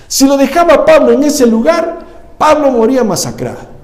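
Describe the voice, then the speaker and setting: A male pastor preaching a lively sermon, often calling his listeners "brother" and asking them rhetorical questions. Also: very high voice, normal speed. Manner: animated, addresses listeners as "hermano", rhetorical questions. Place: church hall. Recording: echoey church hall.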